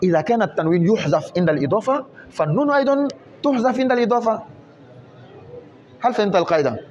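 A man's voice: high voice, animated, racing, darkish tone, slight background noise. A man teaching a grammar lesson, explaining patiently through many examples and often asking whether the listener has understood.

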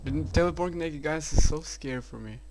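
A man commentating a horror game, mumbling asides to himself and breaking into startled, swearing shouts. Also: on the high side, a little fast. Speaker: let's play gamer. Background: loud game music.

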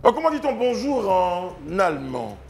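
Animated high-voiced male game show host. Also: normal speed, creaky. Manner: playful, joking, mock German accent. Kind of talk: lively TV game show hosting. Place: TV studio set. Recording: music playing behind. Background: music.

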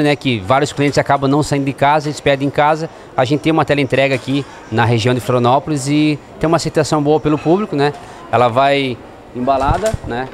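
With a medium-pitched voice and a little hiss or hum on the recording, a restaurant manager in his thirties answers interview questions in a dining room. His explanations are plain and peppered with "né" tags, spoken into a handheld mic the host holds.

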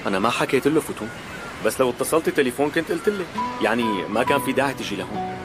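A young Syrian man played by a male voice actor speaks in a dubbed television drama, teasing and defensive. His delivery is very quick and animated, with loud music behind it. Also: mid-range voice, crowd noise, close to an everyday voice. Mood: uneasy. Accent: Syrian Arabic.

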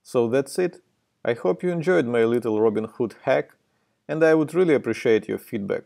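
A man's voice: mid-range voice, lively intonation, moderate pace, vocal fry, a little mellow. A man with a Russian accent hosting a marketing tutorial, explaining steps in a friendly, plain way. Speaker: host of a marketing tutorial video.

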